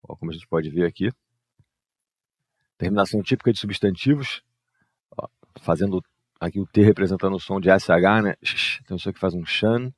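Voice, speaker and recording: This is a man, walking students through exercise answers as their English teacher. His voice sits very low, and he speaks patiently, often adding "né" and "ó" as he explains. The sound is close and dry, with no room echo. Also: fairly quick, long pauses. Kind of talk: explaining exercise answers over a screen share.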